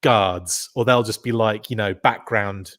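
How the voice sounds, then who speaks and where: A man's voice: on the low side, measured pace, a bit bright. A man in his forties, a podcast guest, telling childhood stories in casual chat, full of fillers and restarts.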